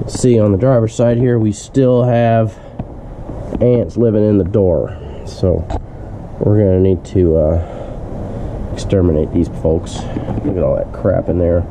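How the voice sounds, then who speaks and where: A man with a stuffy, congested voice, rambling with lots of fillers as he narrates a car repair. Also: lowish voice. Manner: rambling, filler-heavy, mildly profane. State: congested from a cold, stuffy nasal voice. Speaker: car hobbyist doing repairs. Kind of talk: casual DIY narration while working. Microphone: action camera on the job. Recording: dull lo-fi camera audio with noise.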